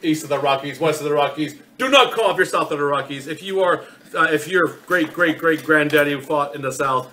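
A man's voice: fairly high pitch, fairly quick, pushed and bright. A man hosting a comic call-in show in a bossy, theatrical announcer manner. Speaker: host.

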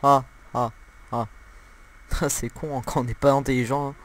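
A young man's let's-play commentary at home is crude and jokey, full of laughter and fillers, captured by a desktop mic. He speaks at normal speed in a medium pitch with little pitch movement, over slight background noise.

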